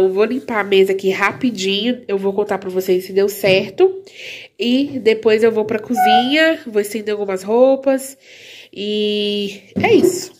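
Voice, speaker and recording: A woman's voice: mid-range voice, a little mellow. A woman chatting casually to her viewers while she cleans her home, filming on a handheld phone. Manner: chatty, addresses viewers as "gente". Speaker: vlogger. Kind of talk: casual vlog chat.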